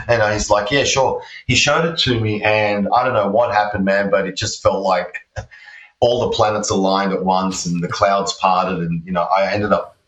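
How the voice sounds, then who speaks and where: A deep, low-voiced Australian man chats in a loose, rambling way, full of ums and you-knows. His voice sits back from the mic in a roomy space. The audio is dull and muffled. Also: fairly even intonation, moderate pace, fairly bright tone, distant mic. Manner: rambling, laid-back, many fillers. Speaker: guest guitarist. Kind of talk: casual storytelling interview.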